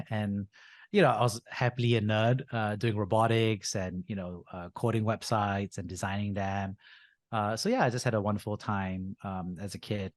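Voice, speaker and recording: A Singaporean venture capitalist in his thirties tells his story as a podcast guest in a casual interview. His voice sits on the low side with no room sound, and he's easygoing, using frequent "uh" and "you know" fillers.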